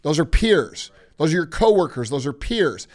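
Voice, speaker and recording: A man's voice: a little high, big pitch swings, normal speed, darkish tone. A man hosting a podcast, giving blunt, emphatic motivational advice with heavy swearing. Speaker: podcast host.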